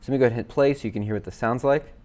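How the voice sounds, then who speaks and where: A man, a worship leader, walking viewers through app features in a relaxed, chatty way with fillers. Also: medium pitch, racing, music in the background. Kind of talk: casual software demo. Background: backing tracks playing.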